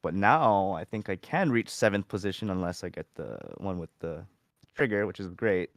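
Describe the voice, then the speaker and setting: Male co-host, low voice, easygoing chat with restarts, dry mic. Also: moderate pace, dry recording. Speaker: music producer, co-host. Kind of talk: casual chat. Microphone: home mic on video call.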